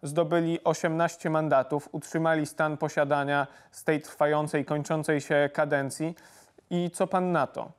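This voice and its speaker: A man in his thirties hosting a political interview in a studio, pressing his guest with brisk questions. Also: a little high, little pitch movement, clear, resonant tone. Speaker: interviewer, news host. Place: TV studio, indoors.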